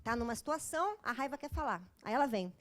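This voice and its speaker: A woman with a Brazilian Portuguese accent delivers a spiritual lecture full of humor, her voice sitting on the high side. She tells her points as jokey little stories and lurches from loud bursts down to hushed asides. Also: fast talker. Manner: animated, jokey storytelling with sudden swings from loud to hushed.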